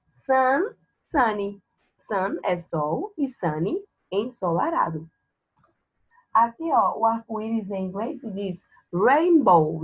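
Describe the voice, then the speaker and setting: A woman with a Brazilian accent, teaching a preschool English lesson, drilling words in a slow, repetitive sing-song and praising the children. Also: mid-range voice, breathy edge, muffled recording. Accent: Brazilian Portuguese. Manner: drills words, switching between English and Portuguese.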